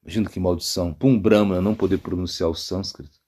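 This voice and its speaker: A man with a Brazilian Portuguese accent, a monk giving an informal devotional talk, halting often with fillers and tag questions. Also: low-pitched, fairly even intonation, warm tone, slightly rough. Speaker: monk teaching a devotional lecture.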